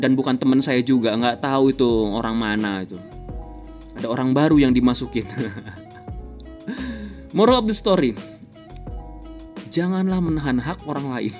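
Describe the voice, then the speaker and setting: Animated man telling a personal story. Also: mid-range voice. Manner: animated, chuckles often, acts out quoted voices. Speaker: podcast host.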